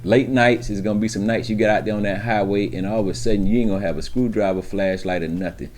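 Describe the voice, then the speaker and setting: Fast and steady, with a fairly low and a little mellow voice, a man gives trucker's advice to newcomers in a casual instructional monologue to camera. His style is emphatic and streetwise, and he often stops to check in with his listeners.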